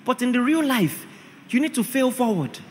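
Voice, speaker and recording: High, lively-voiced preacher in a hall. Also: male voice, normal speed, a little hiss or hum. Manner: emphatic, repeats rhetorical questions to the congregation. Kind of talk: sermon.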